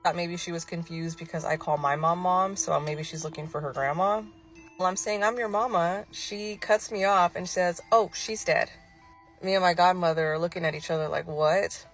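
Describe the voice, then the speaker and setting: Brief: deep-voiced woman, casual storytelling mom, candid and incredulous, soft music under her. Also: fairly even intonation, a little fast, far from the mic. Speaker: mother telling a story.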